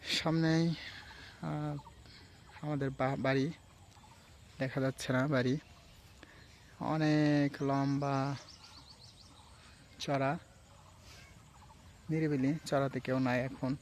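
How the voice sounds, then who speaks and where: A man's voice: medium pitch, slow, long pauses, slight background noise. A young man from Sirajganj, Bangladesh, with a Sirajganj regional accent, chatting casually and ramblingly outdoors by rice fields. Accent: Sirajganj regional Bengali. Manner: relaxed, rambling, mixes regional and standard speech. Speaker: vlogger. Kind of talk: casual outdoor vlog chat.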